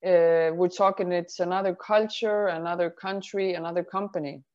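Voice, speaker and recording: A woman from Estonia, a career advisor answering interview questions in a measured way, explaining things step by step. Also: fairly low pitch, fairly even intonation, a little mellow. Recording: slightly muffled sound.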